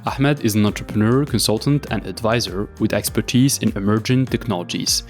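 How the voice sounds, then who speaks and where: A man's voice: fairly low pitch, brisk, faint music behind. A man hosting a podcast, reading a polished scripted introduction and then asking his guest questions. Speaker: podcast host.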